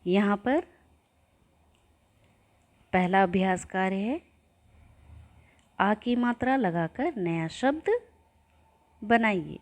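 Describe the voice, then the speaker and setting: A woman teaching young children, chanting rhymes and sounding out syllables in a slow sing-song way so they can repeat after her. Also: mid-range voice, lively intonation. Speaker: primary school teacher.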